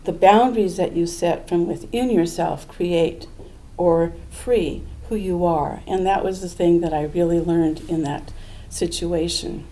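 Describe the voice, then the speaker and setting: Older woman, lowish reflective voice. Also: a little slow, dark tone, poor audio. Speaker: storyteller. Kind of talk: live storytelling. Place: small museum event room.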